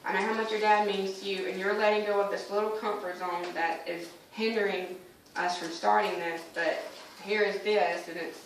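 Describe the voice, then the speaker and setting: A woman's voice: medium pitch, little pitch movement, normal speed. A woman giving a personal spoken testimony in church, telling her story and acting out her conversations with God. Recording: echoey room from a distant mic, faint noise.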